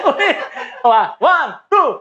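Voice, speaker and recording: Woman, slightly high voice, comedic karate teacher, short barked commands, frequent laughter. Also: very animated, slow pace, pushed and bright, lo-fi sound, slight background noise. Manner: teasing, barks short commands, laughs often. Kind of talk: playful comedic skit.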